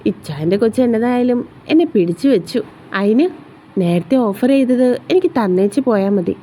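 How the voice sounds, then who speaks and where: A woman's voice: on the high side, animated, normal speed, mellow, husky. A woman voicing a teasing young man who bosses his girlfriend around playfully. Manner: teasing, bossy.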